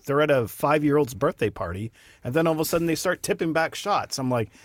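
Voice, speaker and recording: A man's voice: on the high side, expressive, fast, no room sound. A man from the United States telling stories dryly in casual chat.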